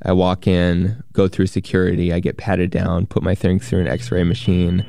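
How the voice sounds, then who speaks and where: A man telling a first-person documentary story as a journalist, measured and plain-spoken, with deliberate pauses. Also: low-pitched, monotone, gravelly, mellow, a little hiss or hum. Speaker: journalist who worked as a prison guard.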